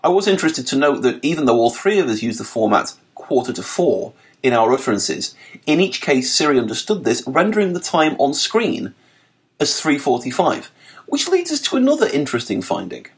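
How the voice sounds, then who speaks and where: For a podcast, a man reads a written article aloud with lively, articulate delivery and dry wit. His voice is medium-pitched and his pace brisk.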